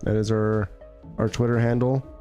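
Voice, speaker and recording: A man's voice: fairly low pitch, flat delivery, moderate pace, dark tone, faint music behind. A man co-hosting a casual podcast chat, easygoing and a bit hesitant, full of fillers and casual swearing. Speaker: podcast co-host.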